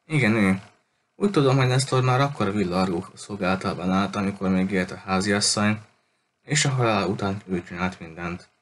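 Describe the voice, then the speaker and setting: A man's voice: lowish voice, slight background noise, close to an everyday voice. A man reading the part of a red-haired village boy who retells local rumours in a matter-of-fact way.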